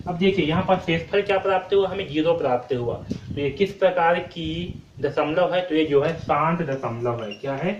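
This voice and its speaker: A male maths teacher with a fairly high-pitched voice works through a board problem step by step at a normal pace. He repeats his own questions and answers them, checking in with "ठीक है" constantly. The recording is noisy and muffled, captured by a distant mic in an echoey room.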